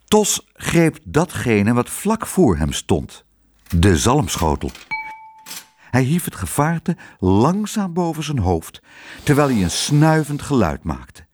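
A man reading a children's storybook aloud in an expressive, unhurried way. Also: medium pitch, husky.

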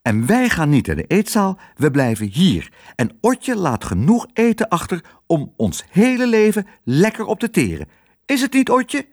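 A shrill, bossy old mouse lady , put on by a man reading aloud, her voice leaping very high as she scolds and hisses. Husky edges, close and dry. A storybook figure who wants to stay safe in the attic. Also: wildly swooping pitch, slow, no echo, exaggerated voice. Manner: sharp and scolding.

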